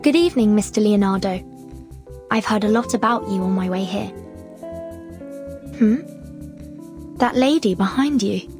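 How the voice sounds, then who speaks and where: Woman acting composed young leader, measured and polite, game cutscene, clear music underneath. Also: mid-range voice, close to an everyday voice. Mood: calm. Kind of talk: video game cutscene dub.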